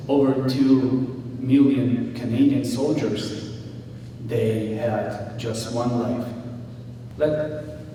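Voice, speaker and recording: A man's voice: mid-range voice, noisy background. A man speaking at a remembrance ceremony in short, simple sentences with non-native grammar. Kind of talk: speech to an audience. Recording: echoey hall from far off, humming.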